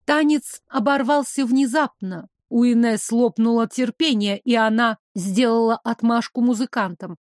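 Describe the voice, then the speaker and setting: A woman's voice: a little high, moderate pace, hardly any pauses, no room sound, clean studio sound. Woman narrating a fantasy audiobook. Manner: steady, expressive reading. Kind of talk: scripted narration.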